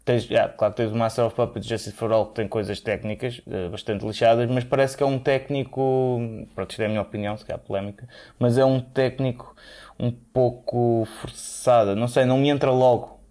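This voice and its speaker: A man's voice: medium pitch, steady tone, brisk, dark tone. A man with a European Portuguese accent, co-hosting a podcast in casual, rambling chat with many fillers. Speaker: podcast co-host.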